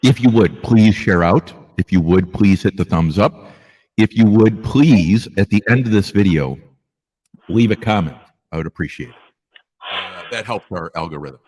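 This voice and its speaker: Low-voiced man chatting on a live stream. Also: normal speed, a little mellow, breathy edge, in a large hall. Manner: rambling, thanks viewers by name. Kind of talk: casual live stream chat.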